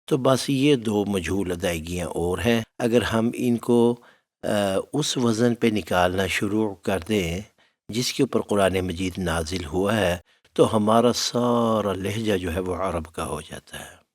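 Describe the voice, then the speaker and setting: Patient male Quran recitation teacher. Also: on the low side. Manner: patient, demonstrates sounds slowly and repeats syllables; addresses students as "my child". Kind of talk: tajweed lesson.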